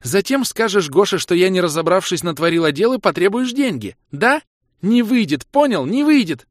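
A fierce young paladin woman with a high, loud voice, hurling shrill, sobbing accusations, as a male narrator puts her on. The reading is dry and close, with no room around it. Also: very animated, normal speed, dry recording. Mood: furious.

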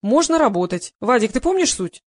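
A woman's voice: fairly high pitch, sing-song, normal speed, no room sound. A woman voicing a jokey, pushy male film director in an audiobook, teasing and clowning. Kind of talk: audiobook reading.

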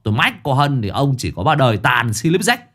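A man puts on a shrill, irritable young master who nags in a raised, sharp voice. His tone swings widely as he scolds, like a storybook character. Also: sing-song, fairly quick. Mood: scolding. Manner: scolding, nagging.

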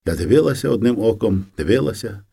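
A man narrating a story in the first person, with expressive, vivid storytelling. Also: lowish voice, fast, vocal fry, husky. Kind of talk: scripted narration.

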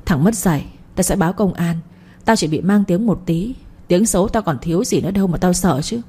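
Woman reading a vengeful village man, hard quick threats, dark husky voice. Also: on the low side. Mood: furious. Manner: threatening, fast and angry. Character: grieving vengeful young village man Lập.

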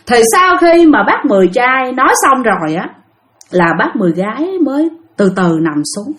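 A woman storyteller recounts spooky tales in a chatty, familiar tone, often turning to her listeners. Her voice sits fairly high and moves through a lively, wide melody. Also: normal speed. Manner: chatty, addresses listeners directly. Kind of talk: retelling spooky stories.

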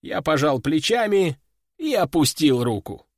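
A man giving an expressive, sardonic audiobook narration. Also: a little high, unhurried, no echo, clean studio sound.

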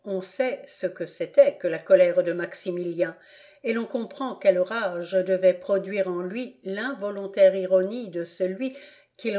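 A woman reading a classic novel aloud as an audiobook narrator, slowly and deliberately. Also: mid-range voice, dark tone. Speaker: audiobook reader.

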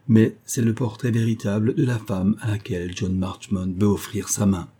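A man narrating an audiobook of a classic novel in a measured, even reading. His voice is low and dark with a husky grain. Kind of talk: scripted literary narration.

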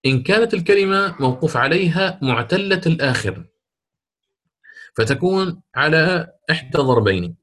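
A man teaching a lesson on Quran recitation rules, explaining step by step and stretching out example words slowly. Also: on the high side, fairly bright tone. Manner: slow, drawn-out example words, repeats for emphasis.

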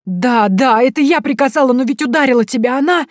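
A woman voicing a terrified young woman who screeches and shouts in panic. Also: medium pitch, a little fast, no room sound, clean studio sound, lightly acted. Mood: panicked, hysterical.

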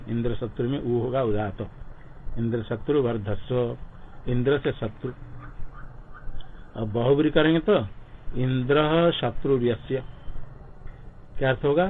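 A man lecturing at an ashram on Sanskrit accents and pronunciation, his voice at an ordinary middle pitch. He goes slowly and patiently, repeats words aloud again and again, and puts questions to the class. The recording sounds thin and phone-like. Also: a little hiss or hum. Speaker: swami teaching Sanskrit scripture.

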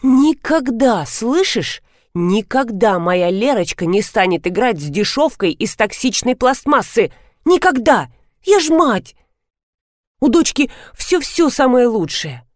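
A woman's voice: fairly high pitch, animated, measured pace, a little mellow, no room sound, clean studio sound, voice pushed up. A woman voicing a pushy, frantic young mother who is insistent and tearful. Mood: indignant.

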